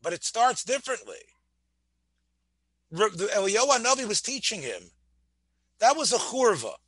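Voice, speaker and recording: A man's voice: high-pitched, sing-song, normal speed, fairly bright tone, slightly rough, no room sound. A man teaching a Torah class, often restarting words, asking his listeners questions and mixing Hebrew phrases into his English. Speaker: rabbi lecturer.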